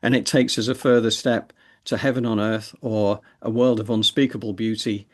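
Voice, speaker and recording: A man's voice: on the low side, flat delivery, moderate pace. A man hosting a show, talking in a conversational way with hesitations. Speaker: host.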